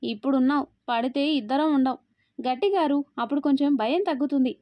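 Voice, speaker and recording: A woman's voice: high voice, a little fast, no room sound, natural voice. A woman storyteller voicing a young male doctor who coaxes and teases in a reassuring way. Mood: coaxing. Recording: dry, slightly dull recording.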